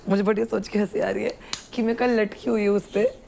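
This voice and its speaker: A woman's voice: mid-range voice, fairly even intonation, a little fast, creaky, dark tone, slight background noise. A young woman, a reality show contestant, talking in a dismissive, sarcastic way.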